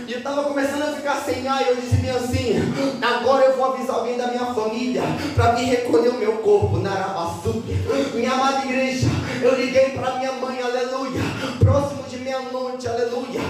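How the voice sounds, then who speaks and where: Fervent high-voiced man preaching in echoey church. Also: level tone, a little fast. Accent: Brazilian Portuguese. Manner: fervent, interjects hallelujahs, speaks in tongues, shifts into shouting. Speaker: preacher giving testimony. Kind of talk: Pentecostal testimony sermon. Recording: very echoey church hall from far off, music behind.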